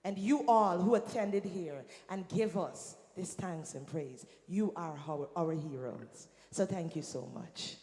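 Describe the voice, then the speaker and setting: A woman from Guyana with a Guyanese accent, a singer talking to a festival crowd from the stage, lively and calling out to the audience. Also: lowish voice, measured pace, few pauses. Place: large venue on stage. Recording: echoey hall with long reverb.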